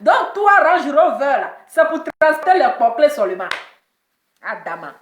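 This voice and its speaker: High-voiced teasing woman, echoey room. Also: sing-song, moderate pace, slight background noise. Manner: teasing, repeats her punchlines, laughs often. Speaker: online gossip commentator. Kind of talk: mocking celebrity commentary.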